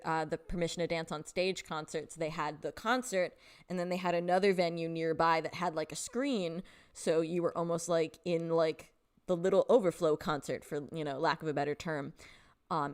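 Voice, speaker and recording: A young woman hosting a live stream, talking casually with her viewers. Her voice sits fairly low for a woman, and her talk is loose and friendly, full of "um" and "like", with frequent laughs. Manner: chatty, filler-heavy, laughs often, reads chat aloud. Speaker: livestream host.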